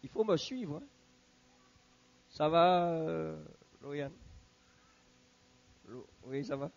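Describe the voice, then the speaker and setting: A man teaching a Bible class in a church, asking the audience questions and repeating answers slowly. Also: on the high side, expressive, gravelly, darkish tone, dull audio.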